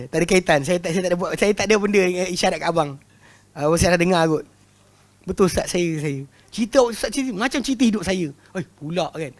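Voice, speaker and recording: A man with a Malaysian Malay accent teaching a religious class, telling lively anecdotes, often laughing and repeating words. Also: high voice. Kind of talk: lecture with humorous anecdotes.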